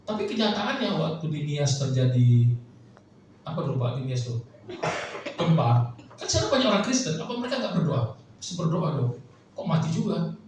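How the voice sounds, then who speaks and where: A man's voice: fairly high pitch, sing-song, moderate pace, pauses often, darkish tone, a little hiss or hum. A male pastor preaching a casual, chatty sermon, joking and acting out prayers for the congregation. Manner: chatty, jokes and acts out prayers. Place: church hall. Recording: echoey church hall, mic far off.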